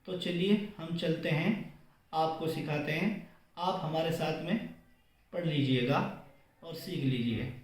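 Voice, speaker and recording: A man teaching a reading lesson, patient and explaining each point slowly, repeating and rephrasing for his viewers. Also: on the high side, heavy reverb, low-quality recording. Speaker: Quran teacher.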